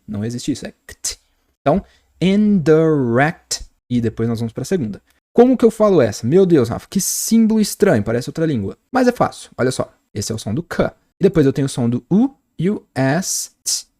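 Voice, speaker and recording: A man with a Brazilian accent, an English teacher in his thirties giving a lively online lesson and spelling out sounds slowly. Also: on the high side. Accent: Brazilian Portuguese.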